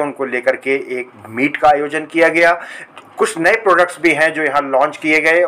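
This is a male reporter reading a local news voice-over in an upbeat, friendly manner. His voice sits a little high for a man. He speaks straight to the viewers, calling them his friends. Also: fairly bright tone. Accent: Hindi, from Lucknow region.

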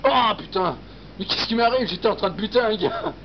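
A man's voice: high voice, expressive, brisk, background noise. A man voicing a foul-mouthed, goofy young policeman in an amateur parody game dub, full of exclamations. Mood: whiny, aggressive. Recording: dull lo-fi dub under loud music.

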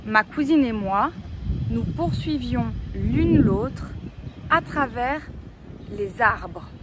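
A young adult woman, a French teacher, dictates a text phrase by phrase in a city park, going slowly, repeating herself and speaking the punctuation aloud. Her voice is a little high and expressive, and clear street and traffic noise comes through.

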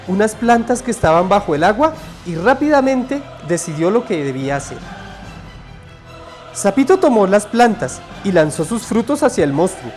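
Lively, high-voiced male storyteller. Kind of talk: storybook reading.

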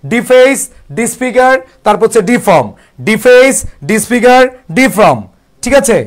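A man's voice: extremely high pitch, expressive, unhurried. A Bangladeshi man teaching English vocabulary in a live online class, coaxing students as brothers and drilling words over and over. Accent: Bangladeshi Bengali.

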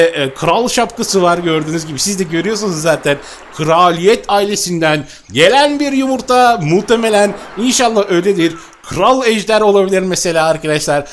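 A young man hosting his own gaming channel, giving exuberant, excited commentary on a mobile game and repeating his phrases with delight. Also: sits high, a little hiss or hum.

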